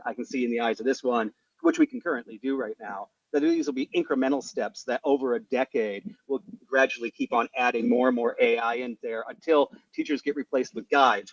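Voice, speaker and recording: Thin, tinny man's voice with no bass. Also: a little mellow, no room sound. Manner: long rambling questions full of ums and uhs. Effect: thin tinny sound with no bass, like a tin can. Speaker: panel questioner. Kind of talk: casual online panel debate. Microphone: headset over a weak internet link. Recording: tinny lo-fi online call line.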